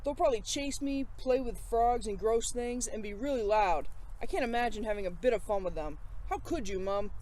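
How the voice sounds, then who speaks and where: A woman's voice: fairly high pitch, fairly quick, few pauses, mellow, a little hiss or hum, natural voice. A woman voicing a sulky, petulant young girl who complains, in a storybook reading. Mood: sulky, indignant. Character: sulky, huffy young girl who dreads her cousins.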